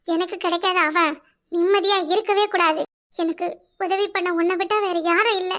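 A woman's voice: very high voice, a bit bright. A woman voicing a secretive, vengeful young village daughter in a cartoon, with a Kanyakumari Tamil accent and a pleading, resentful manner. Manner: pleading, then cold and resentful. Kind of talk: cartoon voice acting.

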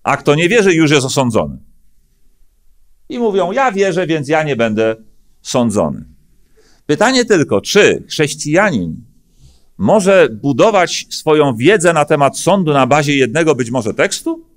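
A man's voice: on the high side, sing-song, a little slow. Man from Poland, middle-aged pastor, sermon at a church lectern, emphatic rising questions, hesitant fillers. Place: church hall stage at a lectern. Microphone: lectern microphone.

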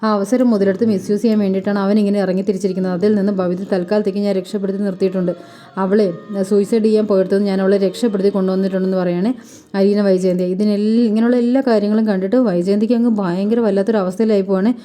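A woman recapping a TV serial episode in a rapid, run-on spoken retelling with fillers. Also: mid-range voice, steady tone, warm tone.

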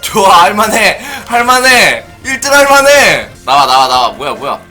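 A man giving playful let's-play commentary on a racing game, often shouting excitedly. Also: sits high, moderate pace, over music. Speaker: gaming streamer.

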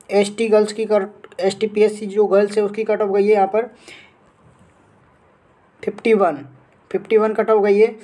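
For his educational update channel, an Indian man voices over a phone screen recording in a high, warm tone. He walks through the tutorial casually, says things more than once, and keeps checking in with his audience.

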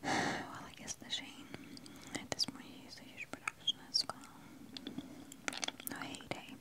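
Woman whispering softly, ASMR style. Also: a little slow. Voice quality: breathy unvoiced whisper. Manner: talks with a candy in the mouth. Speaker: ASMR video creator. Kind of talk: whispered ASMR unboxing and product comparison.

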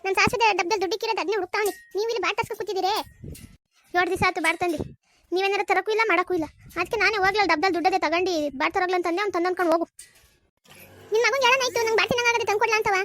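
A shrill scolding village wife. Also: sharp tone. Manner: scolding, rapid complaints. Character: sharp-tongued village wife, woman. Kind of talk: cartoon voice acting.

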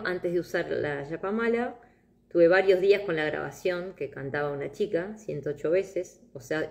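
A middle-aged woman, giving a live meditation talk in a soft, reflective way, telling personal stories. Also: lowish voice. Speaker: meditation guide.

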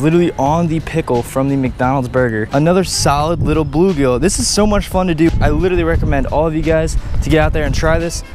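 A young man in his twenties filming a casual fishing vlog outdoors by a pond on a body-worn camera, excitable and saying "literally" and "dude" a lot. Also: a little high. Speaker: fishing vlogger. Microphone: action camera worn on body.

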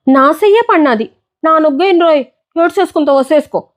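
A woman's voice: sits high, fairly quick, voice pushed up, close to an everyday voice. Woman doing a defiant tough street boy. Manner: stubborn, mocking.

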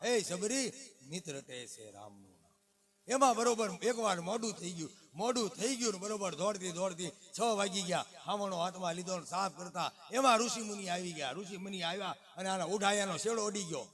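A man performing a devotional kirtan, slowly singing verses and retelling the story in speech, calling his listeners "bapa". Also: high-pitched. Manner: alternates slow sung verses with spoken retelling, addresses listeners as bapa. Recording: music playing loudly behind the voice.

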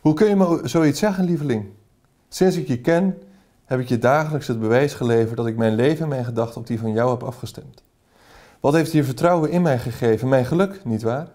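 A devoted young man pleading his love, read by a man from a novel. The speech is earnest and passionate, delivered in a dark, mellow voice at an ordinary middle pitch. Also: brisk, natural voice. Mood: ardent.

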